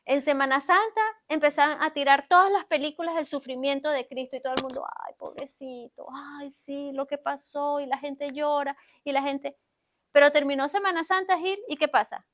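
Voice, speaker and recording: A woman with a high-pitched voice delivers a sermon from the pulpit of a church. She speaks straight to her congregation and keeps stopping to ask them questions. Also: fairly even intonation, fairly quick, fairly bright tone. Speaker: preacher. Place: church sanctuary.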